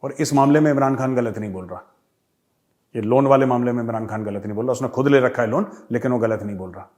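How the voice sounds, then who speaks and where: A man hosting a Hindi political commentary show in a sarcastic, mocking, animated way. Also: mid-range voice, quick pace. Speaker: host, retired army major.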